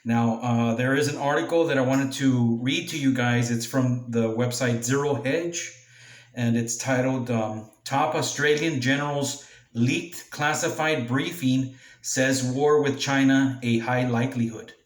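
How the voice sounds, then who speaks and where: A man reading a news article aloud as a commentator, halting now and then as he stumbles over words. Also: mid-range voice, fairly even intonation. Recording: echoey room, distant from mic.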